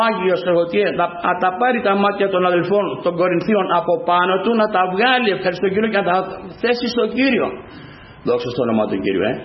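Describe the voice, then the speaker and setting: A man preaching a fervent sermon to his congregation, breaking up his points with repeated praise refrains. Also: sits high. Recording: echoey room, dull lo-fi sound.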